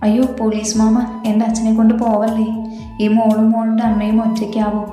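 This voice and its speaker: A woman's voice: a little high, monotone, fairly quick, close to an everyday voice. A woman voicing a small girl who pleads tearfully after losing her mother. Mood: pleading tearful. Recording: roomy echo with soft music.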